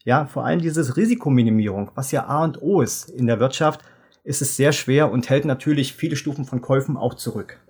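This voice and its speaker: A man in his fifties, a fertilizer sales expert, explaining market history in measured detail in a podcast interview. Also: mid-range voice, a little mellow, breathy edge. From Germany. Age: 50s.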